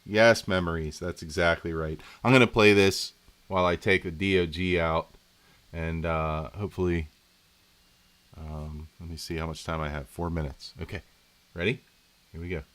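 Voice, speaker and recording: A man with a deep, low voice chats casually on a live stream from home. He rambles in a friendly, folksy way and talks straight to his viewers. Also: fairly even intonation, normal speed, a bit bright.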